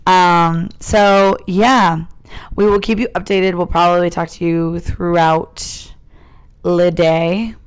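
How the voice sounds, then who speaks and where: A woman's voice: lowish voice, level tone, slow pace, clean tone, highs cut off. A young woman co-hosting a casual chat, chatty and giggly, her voice a bit worn out. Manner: chatty, giggly, loose swearing. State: voice partly worn out. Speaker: podcast co-host.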